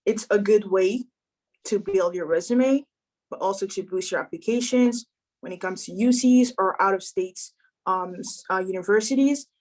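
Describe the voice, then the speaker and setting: A woman's voice: mid-range voice, moderate pace. A young woman from the Democratic Republic of Congo, a student government president, giving an earnest welcome speech and introducing a panel. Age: young adult. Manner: earnest, welcoming, steady delivery with some fillers.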